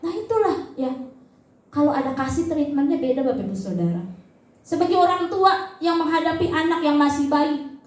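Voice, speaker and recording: A woman's voice: high-pitched, expressive, moderate pace, darkish tone. A woman giving a church testimony in a chatty way, full of fillers and acted-out quotes. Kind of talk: sermon testimony. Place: church service hall. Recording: echoey church hall.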